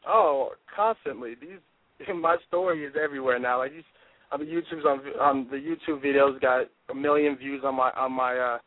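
This interview with a football player in his twenties, a draft hopeful, comes through a dry, tinny phone line. He has a mid-range voice with fairly even intonation and a moderate pace, sounding intense, sure of himself, and driven.

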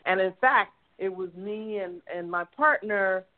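A woman tells a personal story with lively energy, slipping into the voices of her family as she goes. Her voice sits at a middle pitch. The sound comes through a thin, tinny phone line. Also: a little slow. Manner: animated, acts out family quotes. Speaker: guest researcher.

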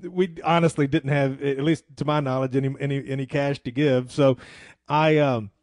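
A man's voice: medium pitch, fairly even intonation, moderate pace, darkish tone, no room sound. Chatty man telling a long story. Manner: rambling anecdotes with many fillers and restarts. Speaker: radio talk show host. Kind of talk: casual radio talk, storytelling.

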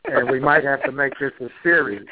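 A man hosting a radio talk show, closing in a measured way with fillers. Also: mid-range voice, dry recording, phone-quality sound. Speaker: radio host.

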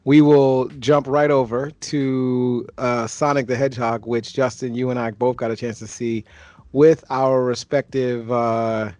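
Podcast co-host, male, thirties, easygoing rambling reviewer, mid-pitched, dry mic. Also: little pitch movement, a little slow, darkish tone, dry recording. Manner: rambling, self-correcting. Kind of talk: casual movie review chat.

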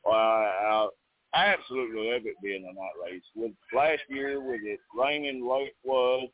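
A man's voice: mid-range voice, normal speed, no room sound. Man, folksy and easygoing, casual interview, dry phone-like sound. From Nashville area, United States. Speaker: race fan, phone-in guest at a campground. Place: outdoors in a campground pool beside a racetrack. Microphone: phone call. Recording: narrowband phone-like call, dry.

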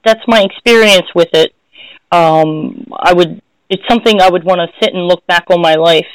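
A woman hosts a spiritual talk in a reflective, casual conversation, speaking thoughtfully as if searching and frequently correcting herself. Her voice has a fairly low pitch at normal speed, and the recording is dry and rough.

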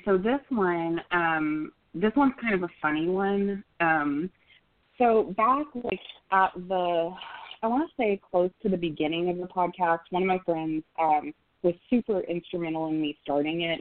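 Woman, 30s, from Oklahoma, chatty storyteller with fillers, lowish voice, dry phone-line sound. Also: moderate pace, no room sound. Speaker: podcast host and guest. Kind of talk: casual interview chat. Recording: tinny phone-like call audio, dry.

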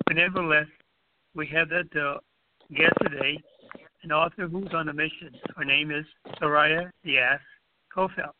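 Male radio host, higher-pitched voice, formal courteous phrasing with repeats, narrowband phone-quality audio. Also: fairly even intonation, moderate pace, very noisy. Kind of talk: internet radio interview hosting. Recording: narrow, tinny phone-like line.

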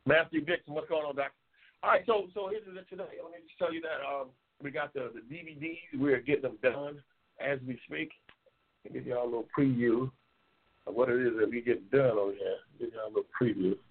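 Speaking a little fast with a breathy edge at medium pitch, the host is a man in his 70s running a casual live stream. He reads comments and jokes and trash-talks with viewers, and the recording is tinny and phone-like.

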